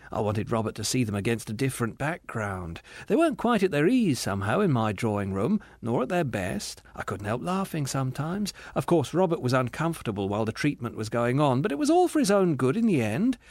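A man's voice: on the high side, a little mellow, dry recording, studio quality. A man reading the part of a self-righteous female ghost who complains domineeringly and primly about her late husband. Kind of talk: audiobook character reading.

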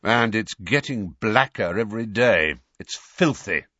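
A man's voice: on the low side, animated, measured pace, sharp tone, no room sound, lo-fi sound, heavily acted. A man doing a curt, impatient brooding man. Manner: curt and commanding.

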